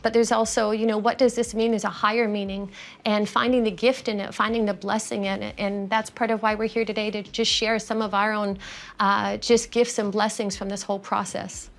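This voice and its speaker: A woman giving a reflective inspirational talk in earnest, halting, abstract phrases. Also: medium pitch, level tone. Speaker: co-speaker.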